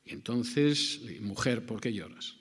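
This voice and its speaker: A man's voice: mid-range voice, slow, husky. A man preaching an expository sermon. He is dramatic and rhetorical and acts out the scripture dialogue. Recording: reverberant hall.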